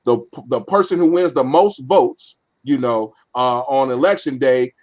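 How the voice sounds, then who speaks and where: A man's voice: mid-range voice, measured pace, a little mellow. A man with a mid-range voice co-hosts a casual political discussion. He explains terms and the voting process step by step, with frequent fillers and small restarts. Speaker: podcast co-host.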